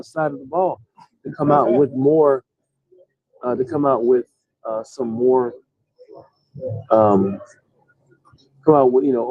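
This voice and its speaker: A man's voice: mid-range voice, no echo. A tired man hosting a casual live sports chat, reading out viewer comments and talking in a rambling way with many restarts and fillers. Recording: dull, lo-fi sound.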